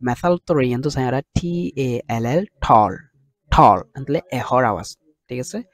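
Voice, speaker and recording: A man's voice: medium pitch, expressive, moderate pace, no echo. A man teaching English grammar, explaining step by step and often checking that students follow. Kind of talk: lesson in a regional dialect mixing English terms.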